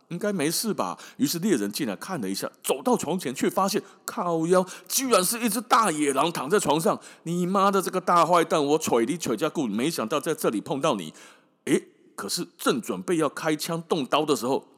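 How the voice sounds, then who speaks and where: A man's voice: medium pitch, slightly rough. A man with a Taiwanese Mandarin accent retelling a fairy tale casually as a podcast host, dropping in joking asides and Hokkien words.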